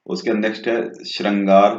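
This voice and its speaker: A man's voice: fairly low pitch, level tone, normal speed, a little mellow. A man working through exam questions as a tutor, going step by step and often checking in with a short "okay". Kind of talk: exam answer walkthrough. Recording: dull, echoey room sound.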